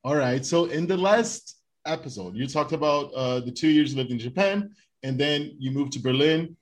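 A man's voice: a little high, expressive, normal speed. A man hosting a podcast, introducing his guest and asking questions with friendly restarts. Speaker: podcast host.

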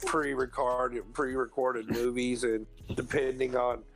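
A man in a casual podcast chat, explaining things in a dry, steady way. His voice has a strong gravelly fry. Music plays clearly behind him. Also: mid-range voice, a little slow.

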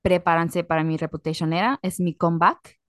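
A woman with a Yucatecan Spanish accent, sick with a cold, co-hosting a podcast in a chatty, relaxed, slangy way. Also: fairly low pitch, brisk, no echo, studio quality. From Yucatán, Mexico. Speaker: podcast co-host. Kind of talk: casual chat.

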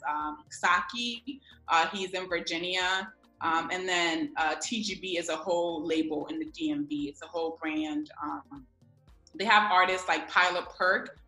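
A young woman from Ghana, a music publicist, chatting casually in an interview with lots of fillers. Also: on the low side. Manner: relaxed, many fillers. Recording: echoey room with faint music.

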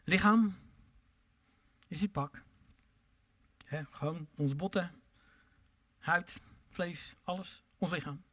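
A man preaches with passion. He swings from loud, emphatic calls to hushed, low asides, and he draws out his words slowly when he quotes scripture. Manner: drawn-out pleading delivery when quoting scripture. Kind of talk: sermon.

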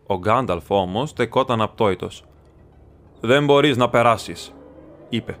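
A man narrating an audiobook in a measured, steady storytelling manner. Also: on the low side. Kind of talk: scripted narration.

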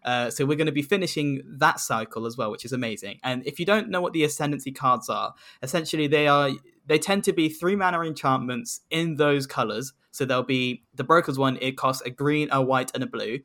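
A man's voice: mid-range voice, fairly quick, hardly any pauses, sharp tone. A man hosting a casual card-game podcast, chatty and laughing often. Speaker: podcast host. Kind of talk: casual chat.

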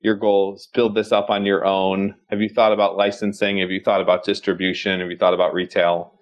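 Lowish-voiced man asking conversational questions. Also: little pitch movement, brisk, highs cut off. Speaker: panel investor asking questions.

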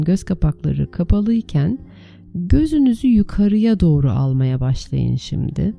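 A woman leading a guided meditation as a teacher, speaking in a gentle, soothing, unhurried way with pauses between short phrases. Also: on the low side, gravelly.

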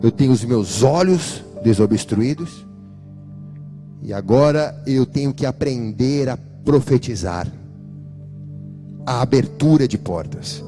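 A man's voice: medium pitch, animated, slow, long pauses, mellow, soft background music. A man with a Brazilian Portuguese accent preaching an emphatic church sermon as a pastor, addressing his congregation directly.

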